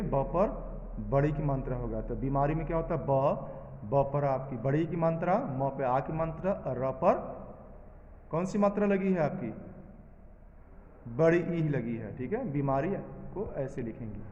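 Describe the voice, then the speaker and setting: Guy teacher drilling his class, asks then answers himself, kinda high voice, echoey room. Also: lively intonation, normal speed, warm tone. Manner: drills students, asking and answering his own questions. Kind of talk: classroom lesson. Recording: echoey room with long reverb, dull sound.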